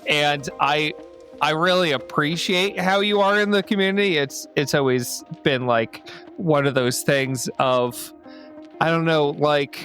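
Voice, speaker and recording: Gushing man with a higher voice. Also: measured pace, a bit bright, soft background music. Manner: gushing, heavy use of filler "like". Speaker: podcast host. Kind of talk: casual conversation.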